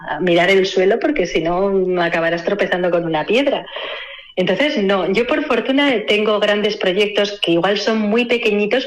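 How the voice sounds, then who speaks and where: Woman, middle-aged, Spanish accent, interview guest, expressive storyteller, medium pitch. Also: poor audio. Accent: Spain Spanish. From Spain. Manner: expressive storyteller, acts out quoted voices. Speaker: guest, voice actress. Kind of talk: interview over a call.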